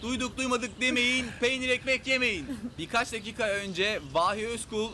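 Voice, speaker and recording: High-pitched, exuberant young town crier. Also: male voice, fairly even intonation, normal speed, background noise. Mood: jubilant, mock-pompous. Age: young adult. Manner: calling out loudly like a town crier, chanting. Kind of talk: town crier proclamation, TV drama acting. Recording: music behind the voice.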